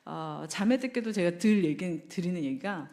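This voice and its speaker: Lively woman giving a church seminar talk. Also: fairly low pitch, normal speed. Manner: conversational, with rhetorical questions to the audience. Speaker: marriage seminar lecturer.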